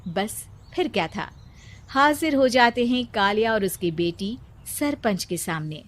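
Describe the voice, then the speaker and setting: A woman's voice: medium pitch, lively intonation, measured pace, no room sound. A woman reading scripted story narration for a cartoon.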